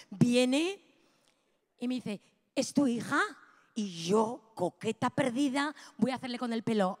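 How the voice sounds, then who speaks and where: Woman comic, high voice, brash storytelling, long hall reverb. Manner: bawdy, animated storytelling with crude slang. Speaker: stand-up comedian. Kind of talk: stand-up monologue. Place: gala stage before a live audience.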